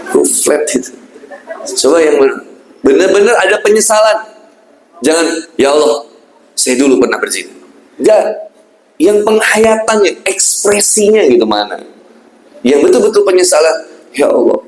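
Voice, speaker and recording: A man's voice: fairly high pitch, darkish tone. A man preaching a casual, conversational sermon, asking rhetorical questions and acting out pleading prayers. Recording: echoey room with faint ambience.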